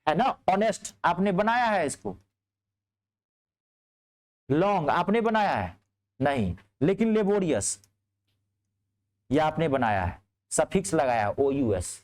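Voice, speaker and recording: During a spoken grammar lesson, a man quizzes his students with checking questions, then supplies the answers himself. His delivery is lively, climbing on each question and sinking low for each answer.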